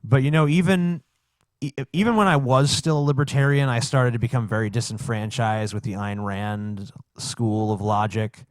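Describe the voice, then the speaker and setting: A man's voice: mid-range voice, steady tone, moderate pace, dry recording. A man co-hosting a podcast, chatting casually with blunt opinions and swearing. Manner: blunt, profane. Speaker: podcast co-host.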